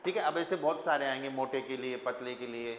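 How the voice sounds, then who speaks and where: This German lesson features a man with an Indian accent speaking fairly quickly in a mid-range voice as he quizzes students and spells words letter by letter. The room is echoey with a long reverb and a faint hum of room noise.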